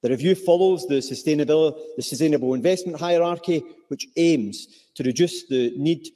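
Male politician, broad Scottish accent, formal read statement, mellow tone, echoing hall recording. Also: fairly high pitch, normal speed. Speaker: government politician. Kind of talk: formal parliamentary speech, read out. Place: large parliament chamber. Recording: echoey parliament chamber, played from video.

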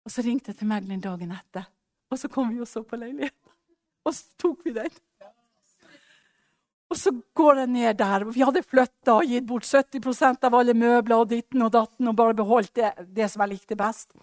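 A woman preacher with a fairly high voice tells a personal testimony in a lively storytelling style. She acts out dialogue and slips into hushed asides, recorded close and dry with no room sound. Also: dry recording. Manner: animated storyteller acting out dialogue.

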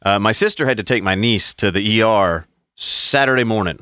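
A man's voice: on the low side, moderate pace, sharp tone, clean tone, dry recording, studio quality. A man on a casual podcast, telling long rambling stories full of swearing. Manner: rambling storyteller, heavy swearing, mocking voices in quotes. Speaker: podcast co-host. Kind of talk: casual profane chat.

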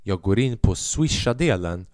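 A man's voice: fairly low pitch, expressive, a little mellow, no room sound, studio quality. A young man, a podcast host and stand-up comedian, telling a rambling, profane story in a casual monologue.

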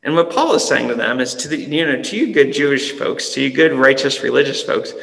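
A man preaching a sermon with a gravelly, fry-edged voice at an ordinary pitch. He talks in an earnest, conversational way and often drops to soft, slow emphasis. Long reverb from the church hall trails behind him. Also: animated, a little hiss or hum. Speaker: pastor.

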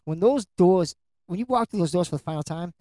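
A man's voice: high-pitched, lively intonation, brisk, dark tone, no room sound. Guy cohost, earnest and encouraging, stumbles on his words, dry close sound. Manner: earnest, encouraging, with repeated stammered starts. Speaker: podcast co-host. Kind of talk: casual movie review chat.

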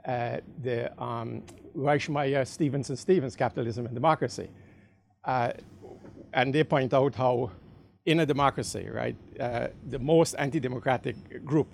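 A man's voice: medium pitch, vocal fry, a little hiss or hum. A man from the Caribbean in the audience, asking a long question in a hesitant way with many fillers and "right?" checks.

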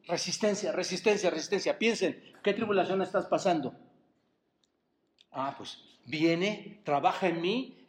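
A man preaching a sermon as pastor, asking the congregation rhetorical questions and drawing out key words for emphasis. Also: sits high. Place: church service.

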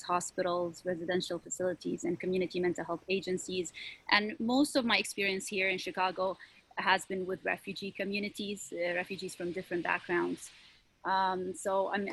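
A woman's voice: on the low side, gravelly, pushed and bright, breathy edge, rough recording. A woman, a therapist introducing herself earnestly over a video call. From Syria. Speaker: licensed therapist, panelist. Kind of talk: self-introduction on a panel.

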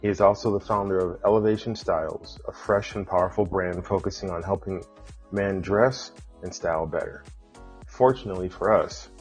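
A man's voice: low-pitched, normal speed, soft background music. A man hosting a podcast, reading a scripted intro and then chatting with an upbeat, hyped-up delivery. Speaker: podcast host.

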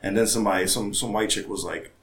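A man co-hosting a casual chat, telling stories in an animated way and mimicking other people's voices. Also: fairly low pitch, fast talker.

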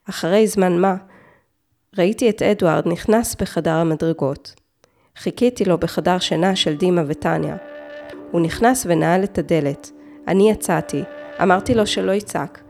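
A woman narrating a true-crime story, reading in a measured way with short, clipped phrases. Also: lowish voice, darkish tone. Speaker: podcast narrator.

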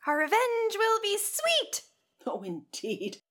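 A woman's voice: extremely high pitch, huge pitch swings, takes it slowly, a bit bright, exaggerated voice. An actress playing a scheming bandit woman who gloats over captives in an audio drama. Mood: gloating. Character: scheming female bandit lute player.

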